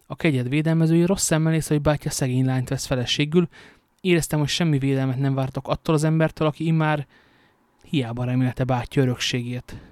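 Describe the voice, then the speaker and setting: A man's voice: on the high side, fairly even intonation, a little mellow, no echo, clean studio sound, natural voice. A man voicing a scheming noble lady who pleads theatrically in an audiobook reading. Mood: pleading.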